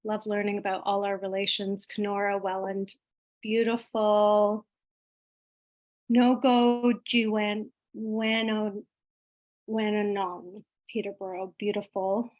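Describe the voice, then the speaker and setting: This halting, slow-speaking woman from Iqaluit, Nunavut, on Canada's Baffin Island, addresses an online audience informally as a guest speaker. Her medium-pitched voice barely moves in pitch, and the sound is lo-fi, with frequent pauses mid-sentence.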